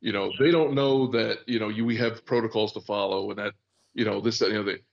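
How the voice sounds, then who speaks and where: A man's voice: fairly low pitch, fairly even intonation, fast talker, creaky, muffled recording. A man co-hosting a medical podcast, talking in a rambling, casual way with lots of fillers and swearing. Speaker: podcast host, paramedic.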